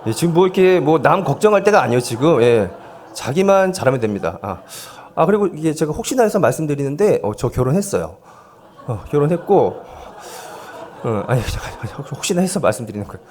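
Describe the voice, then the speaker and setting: A lively, joking pastor man. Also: on the high side, brisk, a little hiss or hum. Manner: joking, coaxing the congregation, self-deprecating asides. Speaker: pastor leading a volunteer seminar. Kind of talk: playful sermon with audience games. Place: church sanctuary, speaking from the pulpit. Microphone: handheld microphone.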